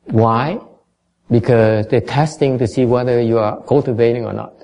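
Mellow-voiced male dharma teacher. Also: mid-range voice, steady tone, measured pace. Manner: explains in English, then repeats in Vietnamese, often stumbling over repeated words. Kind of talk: bilingual dharma lecture.

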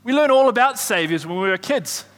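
A man acting as an excitable, chatty shepherd who tells a rambling story with loud whoops. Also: sits high, brisk. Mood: excited. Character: excitable chatty male shepherd, middle-aged. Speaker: shepherd character in a church Christmas play. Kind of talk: comic stage acting. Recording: echoey hall reverb.

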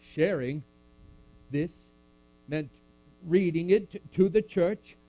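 A man puppeteering an older apostle in a church skit, taking his time over every phrase. The voice sits low and mellow, preachy one moment and deadpan joking the next. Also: takes it slowly, muffled recording. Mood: playful. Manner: preachy, dryly joking, speaks to a crowd. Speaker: puppet performer.

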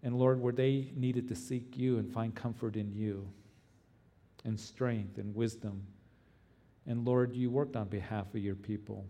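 A man who sounds like a pastor leading an earnest, pleading prayer, speaking haltingly. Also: mid-range voice, fairly even intonation, mellow. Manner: halting, repeatedly addressing the Lord. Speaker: pastor leading a church service.

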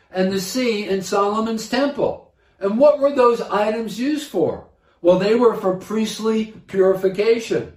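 A man preaching a sermon, explaining scripture verse by verse and reading passages aloud with emphasis, often pausing with "uh". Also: sits high. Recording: roomy echo, voice from a distance.

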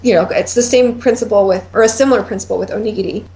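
A woman's voice: mid-range voice, racing, dark tone, roomy sound, low-quality recording. A woman in her thirties co-hosting a casual podcast chat, explaining things step by step with a chatty, teasing manner. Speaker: podcast co-host.

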